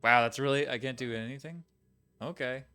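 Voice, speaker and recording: A man's voice: medium pitch, brisk, bright, forceful tone, clear, resonant tone. A man giving casual let's-play commentary, muttering wry reactions as he plays a video game.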